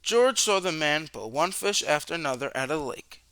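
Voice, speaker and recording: A storyteller reads a children's book to young listeners in a fairly high, clean-toned voice, using expressive narration, dramatic questions and stretched-out words. No room sound is present.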